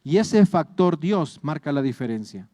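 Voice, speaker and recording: Salvadoran pastor preaching, high voice. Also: male voice, sing-song, a little slow, warm tone, no echo, clean studio sound. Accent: Salvadoran Spanish. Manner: earnest, repeats words and addresses listeners as brothers. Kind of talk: sermon.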